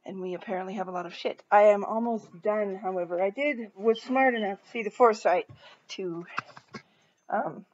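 With a mid-range voice at a moderate pace and the highs cut off in the recording, a woman in her forties vlogs casually from the house she's moving out of. She sounds tired and a little winded, rambling honestly and making fun of herself.

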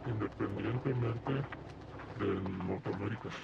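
A man's voice run through a disguising filter, gravelly and rough. The altered sound comes through muffled and dull, with loud noise all around. It is an interview recorded outdoors. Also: lowish voice, moderate pace. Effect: voice altered to disguise identity.

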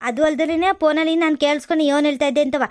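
A woman playing a sharp-tongued older village mother-in-law who scolds and nags with sarcasm, in a comedy skit. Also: high voice, steady tone, very fast, natural voice. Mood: scolding.

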